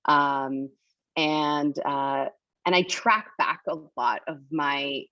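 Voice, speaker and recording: A woman from Venezuela who grew up in Miami talks as a guest on a relaxed interview show. Her voice sits low, and she fills pauses with "um" and "like". The audio is dry and a bit muffled, as over a video call. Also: no echo. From Venezuela, raised in Miami. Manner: relaxed, many "um" and "like" fillers. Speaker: guest, campaign director. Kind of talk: casual interview chat.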